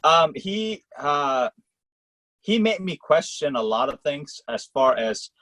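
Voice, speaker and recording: A man's voice: a little high, big pitch swings, a bit bright, dry recording, low-quality recording. A man from Malaysia, a college tennis coach, answering interview questions casually with lots of fillers over a video call. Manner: talks in quick rambling clauses with many fillers.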